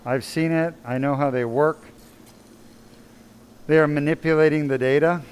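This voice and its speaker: A man's voice: on the high side, steady tone, normal speed, a little hiss or hum, rough recording. A man, a spine surgeon, giving a blunt, emphatic live question-and-answer talk full of rhetorical questions.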